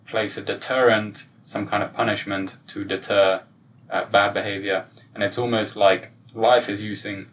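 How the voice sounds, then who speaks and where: Flat-voiced man host, distant mic. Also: fairly low pitch. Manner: reflective, asks probing questions, level delivery. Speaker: podcast host. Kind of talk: casual interview chat. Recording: distant mic with faint room noise.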